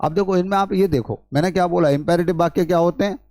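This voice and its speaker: A man's voice: high voice, fast talker, darkish tone, no room sound, studio quality. A man with a Hindi accent teaching an English grammar class, explaining step by step and asking the class questions. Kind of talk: classroom lecture.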